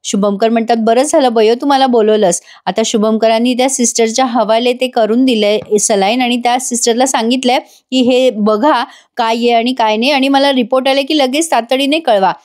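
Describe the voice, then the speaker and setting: Lively woman narrating a serial recap. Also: a little high, normal speed. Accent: Marathi. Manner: lively, shifts into the characters' lines with mild emotion; chatty asides straight to the viewers. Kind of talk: storytelling recap, voicing every character herself.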